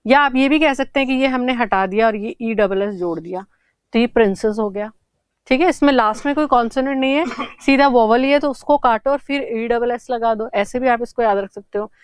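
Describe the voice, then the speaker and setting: Clear-voiced woman teaching step by step. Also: fairly high pitch, a little fast, no room sound. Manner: explains step by step, asks and answers her own questions. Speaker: English teacher. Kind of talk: online exam-prep grammar lesson.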